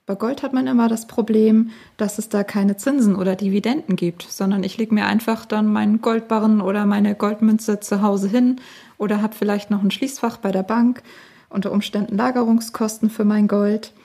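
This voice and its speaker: A woman's voice: medium pitch, steady tone, normal speed, vocal fry, dark tone, husky. A woman explaining things conversationally as an expert guest and financial adviser.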